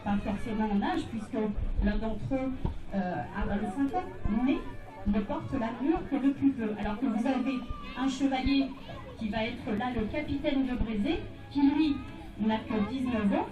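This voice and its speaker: A woman announcing a live medieval tournament show, proclaiming in short phrases with pauses between them. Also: a little high. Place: outdoors at a castle tournament ground. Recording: roomy, distant PA sound with crowd noise.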